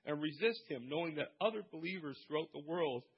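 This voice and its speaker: A man preaching a sermon in an animated way, shouting calls and joking with the congregation. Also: fairly high pitch, brisk, husky, lo-fi sound. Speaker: pastor.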